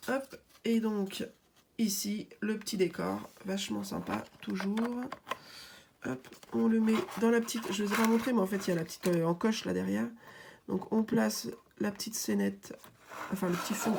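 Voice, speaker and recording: A woman's voice: mid-range voice, vocal fry, background noise. A woman vlogger chatting casually while unboxing small toys, hesitant and full of filler sounds, joking about herself, recorded close on a phone at home. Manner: self-deprecating, playful. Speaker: family channel vlogger. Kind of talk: casual toy unboxing chat. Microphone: phone filming close up.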